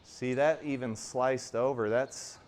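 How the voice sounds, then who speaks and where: A man's voice: mid-range voice, fairly even intonation, takes it slowly, very noisy. A man in his forties giving casual, rambling, self-deprecating commentary while playing in a home golf simulator. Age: 40s. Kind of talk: casual play-along commentary.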